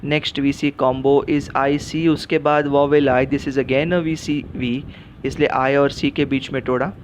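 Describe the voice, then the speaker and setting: A man's voice: mid-range voice, little pitch movement, slow pace, slight background noise. A man teaching English phonics in a mix of Hindi and English, spelling words letter by letter with patient explanations. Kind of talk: spoken phonics lesson.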